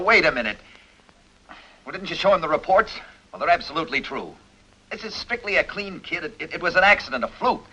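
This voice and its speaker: An actor playing a tough, blunt police captain in a 1950s film, talking in a clipped, forceful way. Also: male voice, a little high, exaggerated voice. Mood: weary, determined. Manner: clipped, forceful, hard-nosed interrogating. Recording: dull lo-fi 1950s film audio.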